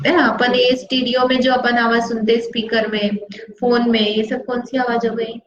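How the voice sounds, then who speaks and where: A woman's voice: a little high, level tone, moderate pace. Woman teaching scripture in a roomy, dull recording. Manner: asks the class questions, then answers them. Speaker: religious teacher. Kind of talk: scripture lesson. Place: studio.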